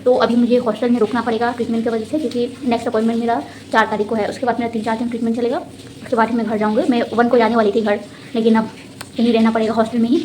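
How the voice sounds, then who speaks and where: Young woman vlogger, high-ish voice, chatty and rambling, words a bit slurred from anesthesia, faint noise behind. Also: flat delivery, very fast, a little mellow, rough recording. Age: young adult. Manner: chatty, rambling, exasperated asides. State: slightly slurred speech from dental anesthesia. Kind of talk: casual vlog chat. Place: hostel room.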